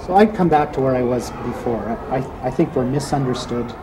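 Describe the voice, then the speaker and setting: A man's voice: medium pitch, a little fast. School admin guy, thoughtful, trips over his starts a bit, noisy background. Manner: thoughtful, hesitant restarts. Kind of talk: interview answers.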